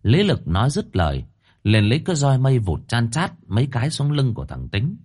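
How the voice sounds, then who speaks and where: A man narrating a horror story in an expressive, dramatic way. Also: mid-range voice, fairly quick, breathy edge.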